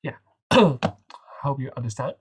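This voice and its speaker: Young man, nasal, husky tone, chatty and hesitant, revision tutor. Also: mid-range voice, animated, slow pace. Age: young adult. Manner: chatty, hesitant, many fillers. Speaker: medical student tutor. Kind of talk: casual revision session walkthrough.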